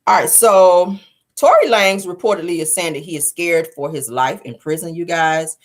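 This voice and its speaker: Hosting a casual online celebrity gossip show, a woman talks in a sassy, colloquial way, repeating phrases for emphasis and tossing in animated asides. Her voice is lowish and moderately paced.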